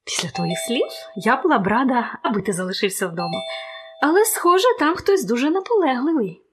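An actress playing a caring wife in a radio play, speaking softly and reassuringly. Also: female voice, fairly high pitch, big pitch swings, fairly quick, noisy background. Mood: tender. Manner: soft, warm, reassuring.

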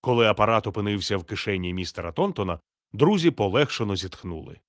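A man narrating a children's storybook in a steady, measured, gently expressive reading. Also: lowish voice, heavy background noise.

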